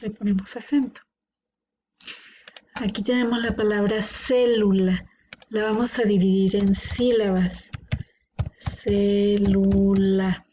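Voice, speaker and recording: In a warm, medium-pitched voice, a woman teaches a grammar lesson at a measured pace with a steady tone, pausing often. She patiently sounds out words syllable by syllable in a classroom-style explanation. The recording is dull and lo-fi, with faint noise.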